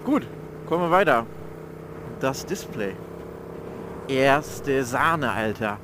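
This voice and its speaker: Through a helmet-mounted mic, with engine and traffic noise all around, a young motovlogger talks up his bike in casual slang while he rides. His medium-pitched voice has lively intonation, but he takes it slowly and often searches for words.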